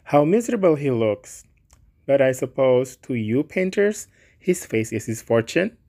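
Man voicing an eager young gentleman. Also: mid-range voice, sing-song, measured pace. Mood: earnest. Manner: eager, raised, lifted tone. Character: earnest, kind-hearted young gentleman.

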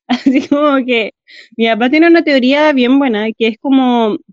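Lively Chilean woman telling stories. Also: high voice, a little slow, no room sound. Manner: lively storyteller, laughs often. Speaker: podcast co-host. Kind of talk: casual chat. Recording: dull lo-fi, dry.

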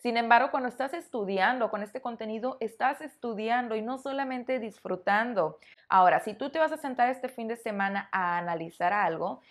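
A woman's voice: on the high side, normal speed. A woman teaching Spanish in a podcast lesson, explaining in a conversational way, talking straight to the listener and asking rhetorical questions. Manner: friendly, direct address to the listener.

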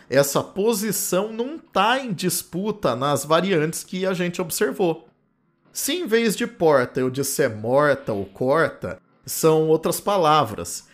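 A man from the interior of São Paulo with a Campinas accent and retroflex caipira R, a linguistics professor explaining ideas in a podcast lecture recorded in his home office, often adding "né?" tags. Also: on the high side. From Campinas, interior of São Paulo state, Brazil.

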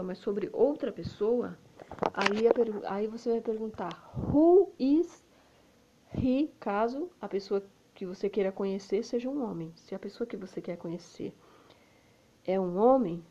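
A woman with a Brazilian Portuguese accent, a native Portuguese speaker, teaching English and slowly repeating example phrases, often adding "né?". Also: mid-range voice, mellow, highs cut off. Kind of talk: slow explanatory lesson.

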